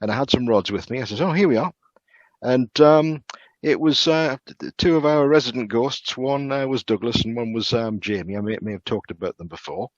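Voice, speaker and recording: A man speaking as a castle guide in casual storytelling, halting and repeating words with lots of ums. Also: mid-range voice, no echo. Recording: muffled lo-fi sound.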